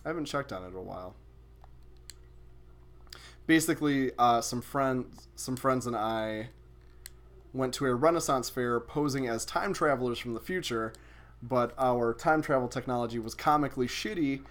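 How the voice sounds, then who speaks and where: A man's voice: mid-range voice, moderate pace, fairly bright tone. A young man casually chatting with viewers while streaming a video game, swearing and exclaiming as he plays.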